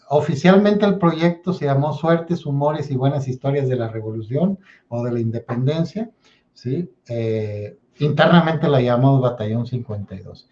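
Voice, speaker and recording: A man's voice: medium pitch, darkish tone, muffled recording. A man, a guest in a casual interview, who tells his stories and keeps checking in with "¿no?". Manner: storytelling, tags lines with "¿no?".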